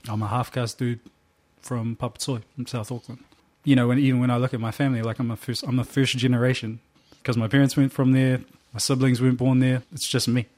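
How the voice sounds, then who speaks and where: This casual interview features a young Kiwi musician who laughs a lot while telling stories full of slang. His voice is medium-pitched and fast, with few pauses.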